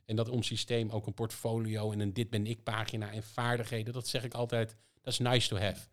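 A man talking in a relaxed podcast conversation, explaining how his company's system works for schools and stressing his points with many rhetorical questions. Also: fairly low pitch, a little fast. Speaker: education software provider.

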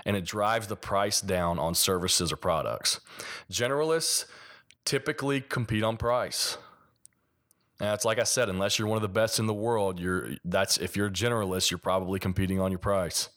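A deep male voice carries a gentle Kentucky Appalachian accent. He talks as a podcast host on his own, explaining ideas in a conversational way and walking through examples. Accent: mild Kentucky Appalachian. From Kentucky, United States. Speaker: podcast host and sports designer. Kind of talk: solo podcast monologue, explanatory.

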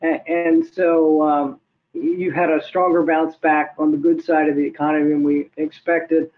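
An older man, an economist, explaining figures in a measured way with many hesitations. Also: fairly high pitch, flat delivery. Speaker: guest economist. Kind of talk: interview answers. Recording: tinny phone-like line.

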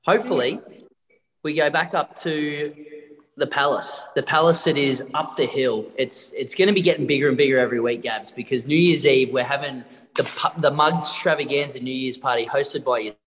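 A man's voice: mid-range voice, a little fast, fairly bright tone, big-room sound, poor audio. A man with an Australian accent hosting a racing tips show in casual, matey, slangy banter.

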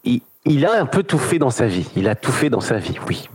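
A man's voice: medium pitch, very animated, fairly quick, a little mellow, husky, no echo. Guy hosting a podcast quiz, hesitant and teasing, average voice. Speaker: quiz host. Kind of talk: casual podcast game.

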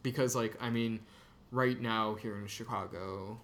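A man's voice: lowish voice, steady tone, unhurried, fairly bright tone, a little hiss or hum. A young man from Texas, a podcast guest, chatting casually with many "like" and "you know" fillers. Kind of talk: casual conversation. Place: indoor room in Chicago.

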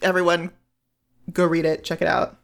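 A woman's voice: lowish voice, flat delivery, normal speed. A woman co-hosting a casual podcast, chatting about a book with lots of "like" and "um". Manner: chatty, full of "like" and "um". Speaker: podcast co-host discussing a book. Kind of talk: casual chat.

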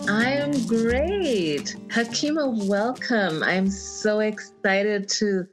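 A woman's voice: medium pitch, drawn-out words, soft background music, low-quality recording. A woman from Zambia hosting a podcast interview, asking questions in an enthusiastic, encouraging way. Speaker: podcast host. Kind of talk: casual interview talk.

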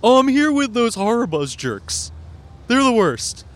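A man's voice: very high-pitched, very animated, measured pace, heavily acted. A man voicing a timid, goofy monster who lives under the bed, talking bashfully as a puppet at a haunt event. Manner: goofy, bashful, nervous joking.

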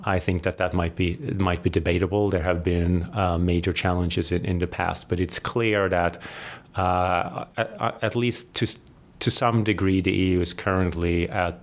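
A very low-pitched man. He answers interview questions slowly and thoughtfully, pausing often and restarting his sentences as he searches for the right words. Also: level tone. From Sweden. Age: 40s. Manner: measured, hesitant, many fillers and restarts. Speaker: guest academic.

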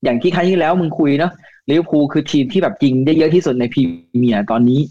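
Casual co-host, blunt and crude, higher-pitched man, muffled lo-fi recording. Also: racing, dark tone. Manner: blunt, crude slang-filled banter. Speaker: podcast co-host. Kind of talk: casual football chat.

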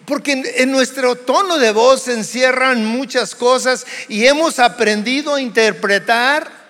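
A Mexican pastor preaches slowly and deliberately, his voice sitting high for a man. The sound carries a long reverb from the church hall around him. He shifts his tone again and again to make his points. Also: sharp tone. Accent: Mexican Spanish. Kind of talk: sermon.

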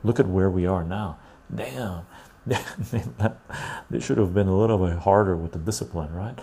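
Deep gravelly man reading stream chat. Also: measured pace, dark tone. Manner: reads viewer comments aloud and riffs on them; keeps tagging "right?". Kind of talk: casual chat.

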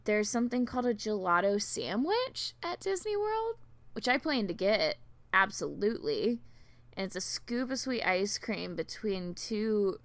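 A woman's voice: mid-range voice, very animated, a little slow, no echo. A woman chatting casually as a podcast co-host, giggly and self-deprecating, her speech slightly thick and slurred as if from a swollen tongue. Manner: giggly, self-deprecating, filler-heavy rambling. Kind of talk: casual chat.

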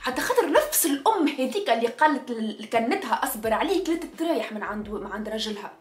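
Tunisian woman ranting to camera, talks fast, keeps repeating stuff for emphasis, echoey room. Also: a little high, very animated, a little hiss or hum. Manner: passionate, emphatic, repeats key phrases. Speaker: vlogger. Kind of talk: spontaneous monologue to camera.

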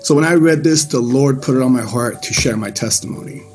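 A man from Iran giving his personal faith testimony to a church group in a casual, loose way, with frequent pauses and restarts. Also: medium pitch, a little mellow, faint music behind.

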